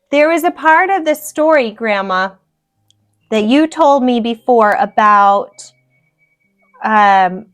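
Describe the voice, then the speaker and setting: An American woman gently prompting as interviewer in a casual family conversation. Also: fairly high pitch. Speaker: interviewer, granddaughter.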